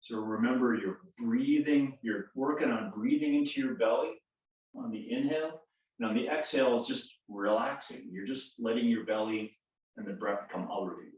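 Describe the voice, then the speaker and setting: A man's voice: medium pitch, normal speed, distant mic. A man in his fifties guiding a yoga class, self-deprecating and stretching out his cues. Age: 50s. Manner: self-deprecating, chuckles at own jokes. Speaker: yoga instructor. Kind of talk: guided yoga class instruction. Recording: roomy echo, voice from off-mic.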